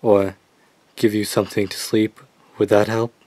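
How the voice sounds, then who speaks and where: A man playing a measured, paternal and condescending asylum doctor in a radio drama. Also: on the low side, level tone, warm tone, no room sound, close to an everyday voice. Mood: soothing, measured. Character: male asylum doctor, patronizing, measured, quietly sinister.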